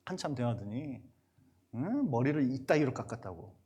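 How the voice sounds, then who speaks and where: A man's voice: medium pitch, moderate pace. A male pastor preaching to parents, telling stories with acted-out quotes. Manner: animated storytelling with acted-out quotes. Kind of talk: sermon to parents.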